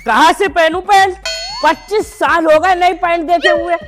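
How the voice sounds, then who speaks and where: A very high, thin voice of a jobless grown son who whines and complains, played by a man. The performance is a comedy sketch. Background music runs underneath. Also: steady tone, normal speed. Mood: whiny.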